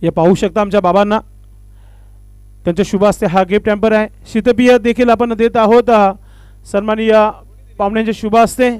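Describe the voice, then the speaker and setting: High-voiced man announcing local cricket. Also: steady tone, darkish tone, clear, resonant tone, dry recording. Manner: formal, honorific announcing with filler pauses. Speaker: cricket match commentator and announcer. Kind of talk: live tournament commentary with stage announcements.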